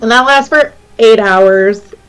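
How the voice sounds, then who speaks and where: A woman's voice: fairly high pitch, slow, a crowd in the background, rough recording. A woman talking casually as a player working through a tabletop game turn.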